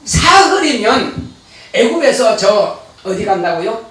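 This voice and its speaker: A man's voice: high-pitched, sing-song, slow pace, a bit bright, very echoey, recorded from a distance, rough recording. A male pastor giving a folksy, chatty sermon full of rhetorical questions to his congregation. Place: church sanctuary.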